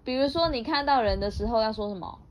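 A woman's voice: on the high side, expressive, fast. A woman reading a picture book aloud to her child, playful and laughing, stopping often to quiz the child.

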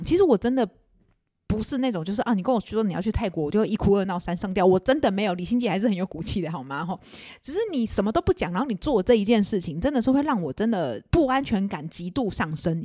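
A young woman with a Taiwanese Mandarin accent tells a personal story on her podcast at a quick clip. Her delivery is casual and confiding, and it flares into indignant exasperation. The sound is close and dry, with no room around it. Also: medium pitch, no room sound. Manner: animated, venting with bursts of exasperation. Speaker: podcast host.

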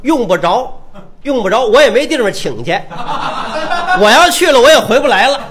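A man's voice: extremely high pitch, sing-song, moderate pace, crowd noise. A man performing crosstalk comedy on a live stream, teasing and insistent with his partner.

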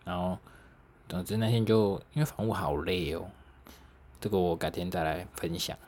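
A man's voice: low-pitched, fairly even intonation, normal speed, a little mellow. A young man with a Taiwanese Mandarin accent hosting a podcast, chatty and self-mocking, laughing and swearing lightly as he tells stories. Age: young adult. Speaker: podcast host. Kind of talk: casual solo storytelling.

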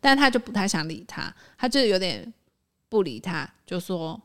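A woman's voice: on the low side, normal speed. A woman speaks, chatting casually on a small podcast. She tells work stories with animation and jumps into the voices of the people in them. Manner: animated storyteller, acts out quoted people. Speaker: podcast co-host; designer. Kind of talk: casual chat.

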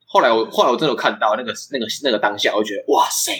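A man's voice: lowish voice, fairly bright tone, a little hiss or hum, rough recording. A young man with a Taiwanese Mandarin accent, hosting a podcast and telling a rambling story with frequent laughs. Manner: fast, rambling, laughs often. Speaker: podcast host. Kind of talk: casual storytelling chat.

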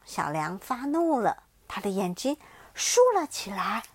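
A woman gently reading a bedtime story aloud as the storyteller, expressive and close to the mic. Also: mid-range voice, a little slow, slightly rough.

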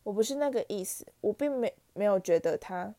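A woman's voice: mid-range voice, lively intonation, fairly quick, mellow, lightly acted. A woman voicing an anxious, clever schoolgirl who pleads nervously in a storybook reading. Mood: pleading.

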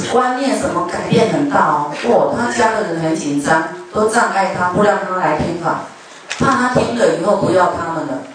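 A woman Buddhist dharma master giving a chatty sermon, joking with her audience in a lecture hall. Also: lowish voice. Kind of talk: conversational sermon. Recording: very echoey hall, mic far off, faint noise.

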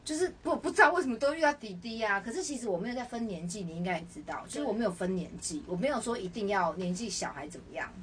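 A woman's voice: medium pitch, expressive, fast, hardly any pauses, husky. A young woman co-hosting a podcast, telling stories in casual chat and laughing often. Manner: chatty storyteller, laughing often. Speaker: podcast co-host. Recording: distant mic with faint noise.

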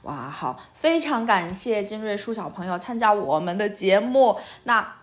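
In a casual interview with a young child, a woman acting as a language teacher keeps prompting through brief questions and repetition, mixing foreign words into her sentences. She speaks at normal speed in a mid-range voice with big pitch swings.

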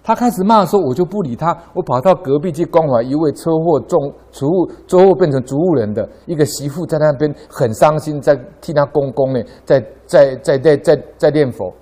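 A man's voice: on the high side, fairly quick, few pauses, mellow. A middle-aged man from Taiwan, giving a Buddhist dharma talk full of anecdotes. His voice rises sharply when he tells a story. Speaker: lay Buddhist speaker.

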